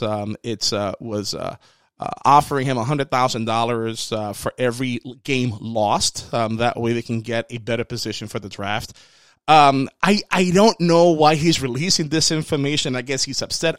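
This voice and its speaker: Male host, mid-pitched, dry close sound. Conversational and earnest, leaning on repetition to drive practical points home. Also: a bit bright, no echo. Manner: earnest, emphatic, repeats phrases for stress; conversational, addresses listeners directly as folks. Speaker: host giving workplace hiring advice. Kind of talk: casual opinion commentary with practical tips.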